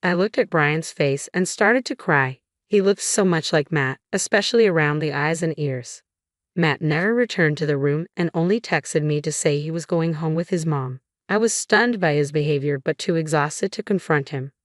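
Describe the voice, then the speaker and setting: A woman reading a first-person family drama story in an even, measured way. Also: deep voice, no echo, studio quality. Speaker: narrator.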